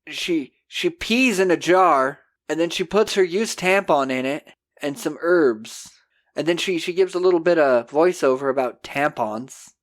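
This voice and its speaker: A man hosting a podcast, recapping a film in a casual, animated, jokey way. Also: fairly high pitch, moderate pace. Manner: animated storyteller, jokey, acting out scenes. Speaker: podcast host.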